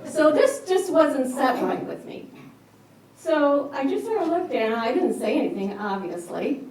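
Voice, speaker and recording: A woman giving a personal storytelling talk at a retreat, animated and acting out what others said. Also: high voice, normal speed. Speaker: speaker at a yoga retreat. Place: large echoey retreat hall. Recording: echoey hall from far off, faint hiss.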